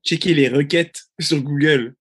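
A man's voice: on the high side, steady tone, unhurried, husky. Enthusiastic podcast co-host man. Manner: enthusiastic, emphatic agreement. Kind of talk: casual podcast interview.

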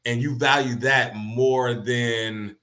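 Male podcast co-host, bright tone, thinks aloud with many restarts. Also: medium pitch, fairly even intonation. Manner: searching, halting, many restarts. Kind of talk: reflective casual conversation.

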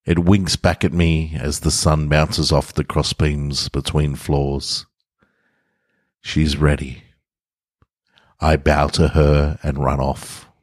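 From a hotel room set up with portable studio gear, a podcast host casually introduces and then reads his own short fiction. His voice is very deep, level and slow, captured dry and clean like a studio recording.

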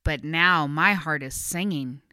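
A woman voicing a weary, broken old male robot who speaks softly and gently. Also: unhurried, clean tone, no echo, clean studio sound. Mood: gentle. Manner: soft, gentle and low.

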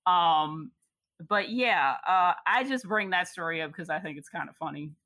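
Young woman from chicago, bright voice, lower pitch, laughs a lot, dry sound. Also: normal speed, dry recording. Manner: laughs often, reflective, many fillers. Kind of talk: casual storytelling conversation.

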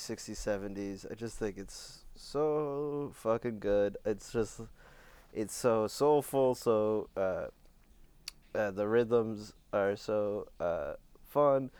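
A man's voice: fairly low pitch, darkish tone, clear, resonant tone, dry recording. A man chatting on a podcast with a dry, close sound. He talks eagerly, with lots of fillers, and laughs often. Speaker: podcast co-host. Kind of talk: casual chat.

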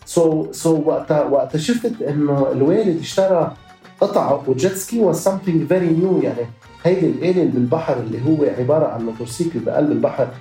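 Mellow Lebanese man in an echoey room. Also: a little high, quick pace, soft background music. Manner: mixes English words into his speech. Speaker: interview guest, activist. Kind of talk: personal storytelling in an interview. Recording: roomy echo.

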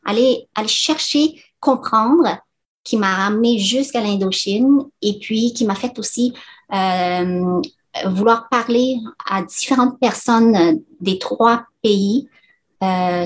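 A middle-aged woman from Laos answering interview questions, hesitant, with many fillers and restarts. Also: medium pitch. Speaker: documentary author interviewed.

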